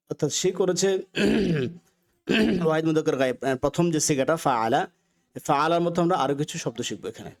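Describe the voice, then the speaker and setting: A man with a Bangladeshi accent teaching an Arabic grammar lesson, patiently repeating each word slowly for learners to follow. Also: fairly high pitch, darkish tone. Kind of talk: recorded lesson.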